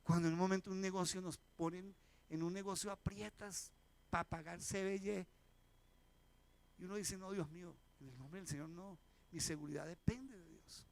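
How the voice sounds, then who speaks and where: This is a man preaching. His voice sits high for a man. He keeps asking the congregation questions and acts out the people in his anecdotes. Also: steady tone, moderate pace, creaky. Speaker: pastor. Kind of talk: sermon. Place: church sanctuary.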